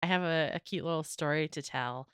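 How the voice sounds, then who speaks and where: A woman co-hosting a casual podcast, telling an anecdote in an animated way. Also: low voice, fairly quick, smooth, no echo, studio quality. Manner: animated storyteller. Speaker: podcast co-host.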